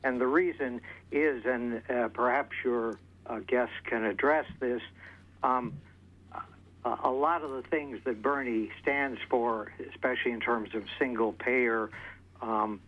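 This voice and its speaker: A man's voice: medium pitch, steady tone, measured pace. Hesitant man calling in by phone. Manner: hesitant, many fillers. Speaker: caller. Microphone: telephone. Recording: muffled phone line with faint noise.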